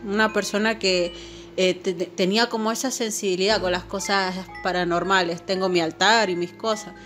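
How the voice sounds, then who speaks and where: A woman casually telling a personal paranormal story to her viewers, chatty and full of fillers and little "right?" tags. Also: mid-range voice. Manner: chatty, filler-heavy, keeps asking "¿no?". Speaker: channel host.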